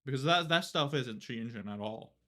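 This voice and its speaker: A man's voice: medium pitch, lively intonation, normal speed, bright, forceful tone. A young man live-streaming, chatting casually and rambling with lots of fillers and casual swearing. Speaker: livestreamer.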